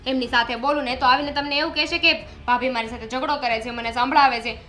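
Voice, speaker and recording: A woman's voice: high voice, fairly even intonation, fast talker, bright, forceful tone. An actress playing a young daughter-in-law who argues back defensively with her mother-in-law. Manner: argumentative, defensive. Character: defiant young daughter-in-law, sharp-tongued.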